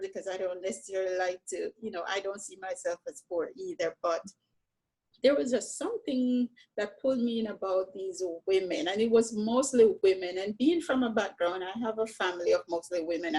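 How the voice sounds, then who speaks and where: A woman from Jamaica, a painter telling her story in a relaxed, reflective conversation, often saying "you know". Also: mid-range voice, rough recording. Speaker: painter, interview guest.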